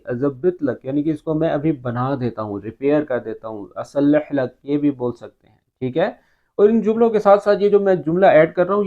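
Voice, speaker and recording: A man teaching a language lesson, saying each foreign phrase slowly and carefully before explaining it. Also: a little high, warm tone, highs cut off.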